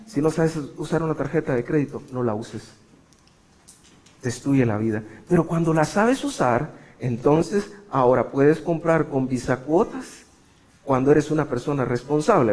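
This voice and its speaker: Middle-aged pastor, higher-voiced, emphatic sermon delivery loud peaks. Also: male voice, sing-song, a little slow. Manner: emphatic preaching that swings from quiet asides to loud raised cries.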